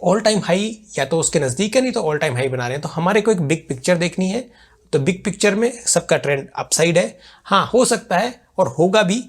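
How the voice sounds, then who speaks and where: A man with a somewhat high-pitched voice delivers a weekly stock market analysis. He explains conversationally and pauses to think aloud. He uses simple everyday comparisons to make his points.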